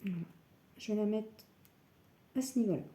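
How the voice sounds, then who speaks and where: A woman calmly guiding a scrapbooking tutorial step by step, working standing up. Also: mid-range voice, normal speed, a little hiss or hum. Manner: calm step-by-step, often says "voilà". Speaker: scrapbooking crafter. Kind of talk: crafting tutorial.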